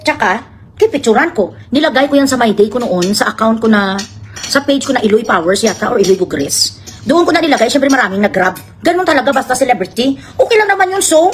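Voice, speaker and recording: A woman's voice: a little high, slight background noise, pitched below the performer's own voice, close to an everyday voice. A woman mocking a haughty woman scammer, speaking in a pompous, put-on posh tone mixed with English.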